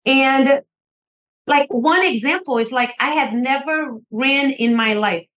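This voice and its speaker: High-voiced Brazilian-accented woman author. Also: slow, a bit bright, a little hiss or hum. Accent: Brazilian Portuguese. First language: Portuguese. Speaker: author and guest. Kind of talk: podcast interview.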